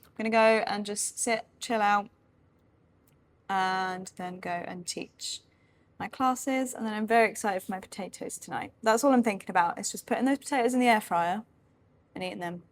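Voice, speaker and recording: A tired woman, rambling casually in a vlog with lots of fillers and soft laughs. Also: medium pitch, moderate pace, slight background noise. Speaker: vlogger and fitness competitor in contest prep. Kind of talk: casual vlog talk to camera.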